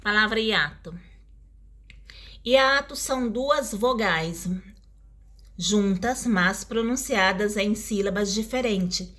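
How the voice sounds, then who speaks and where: A woman's voice: mid-range voice, slow pace, pauses often, a bit bright. A woman teaching a lesson in a casual, explanatory way, stretching out example words and adding tag questions.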